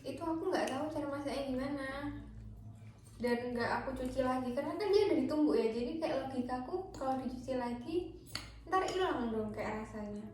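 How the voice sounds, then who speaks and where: A woman's voice: high voice, fairly quick, darkish tone. A woman from Indonesia chatting casually over a meal as the host of a vlog. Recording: very echoey room, distant mic, clear noise.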